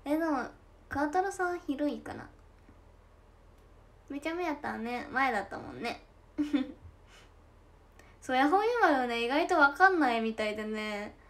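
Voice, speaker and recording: Giggly high-voiced young woman streaming. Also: lively intonation. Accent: Tosa dialect. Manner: chatty and giggly, drawn-out soft endings. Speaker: idol livestream host. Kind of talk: casual livestream chat reading comments.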